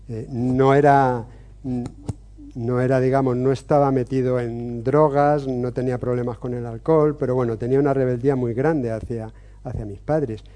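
Man in his 50s answering faith questions, earnest, reflective, very mellow dark voice, lots of little hesitations. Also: mid-range voice. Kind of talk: personal testimony and teaching.

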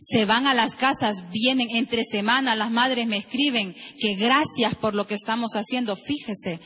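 A woman's voice: a little high, normal speed, fairly bright tone, slightly rough. A woman pastor giving an earnest church testimony, addressing the senior pastor formally. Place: church service.

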